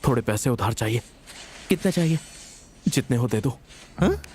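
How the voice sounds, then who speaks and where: A man's voice: medium pitch, animated, normal speed, darkish tone, slight background noise, natural voice. An actor dubbing a playful young man who coaxes and pleads, in a dubbed drama. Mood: coaxing. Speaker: dub actor.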